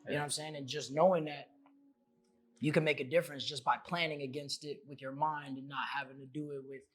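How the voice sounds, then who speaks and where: A man's voice: fairly high pitch, steady tone, quick pace, fairly bright tone. A young man from Long Beach, California, a rapper guest in a casual interview, earnest and rambling, often saying "you know what I'm saying".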